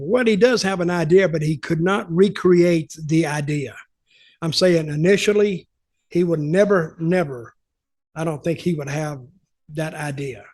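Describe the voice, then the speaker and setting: On his podcast, a veteran wrestling booker in his later years spins stories in a relaxed way, his voice on the high side with a darkish tone. He's blunt, full of opinions, and hammers points home by repeating them.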